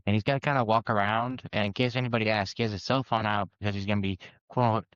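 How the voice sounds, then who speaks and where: A man describing his moves in a tabletop game in a casual, rambling way. His voice is smooth and mid-pitched. The mic sounds a little dull and dry. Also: fairly even intonation, fast, a bit bright, dry recording. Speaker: player.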